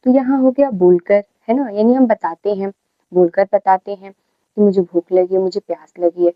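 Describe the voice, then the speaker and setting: A woman's voice: mid-range voice, steady tone, normal speed, dry recording. Woman, teacher, grammar lesson, repeats words, checks in, muffled dry recording.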